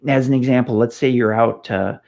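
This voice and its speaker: A man's voice: mid-range voice, steady tone, fairly quick, gravelly, a little mellow. A middle-aged man from California hosting a casual police training talk, chatty and anecdotal with frequent fillers and restarts. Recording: slightly dull lo-fi recording.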